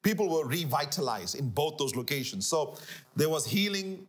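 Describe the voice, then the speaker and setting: Animated high-voiced preacher man. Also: normal speed. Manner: animated, emphatic, repeats key phrases. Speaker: pastor. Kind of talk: Bible teaching on a talk show. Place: living-room studio set, indoors.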